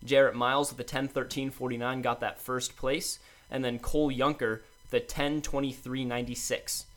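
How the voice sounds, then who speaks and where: A young man co-hosting a college sports podcast, chatting casually and briskly running through meet results. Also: medium pitch, level tone, a bit bright. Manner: brisk list-reading, upbeat. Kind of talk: casual chat, reading results.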